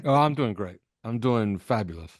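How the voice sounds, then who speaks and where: Over a video call with a backdrop behind him, a man who normally hosts a podcast serves as guest analyst in a sports interview. His lowish voice is animated at a normal speed, hammering and repeating his points for effect, in a dry, studio-quality recording.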